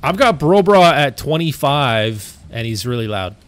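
A man hosting a casual gaming stream with friends, talking in an excitable, joking way. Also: mid-range voice, unhurried, smooth. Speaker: streamer host.

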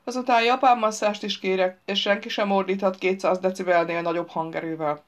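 A woman reading as a sleepy, deadpan man. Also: medium pitch, natural voice. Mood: grumbling deadpan. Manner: dry, deadpan retorts. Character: sleepy, grumpy, wisecracking man in a toga. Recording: dull lo-fi recording.

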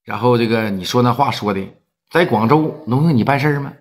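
A man with a Northeastern Chinese accent voicing a middle-aged gang boss who swears roughly and blusters. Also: mid-range voice, a little fast, voice pushed down, natural voice. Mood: placating.

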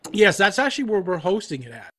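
A composer and audio drama creator chats casually as an interview guest, telling stories full of repeated words and asides. He has a high, sharp voice with a breathy edge, big pitch swings, and a quick pace.

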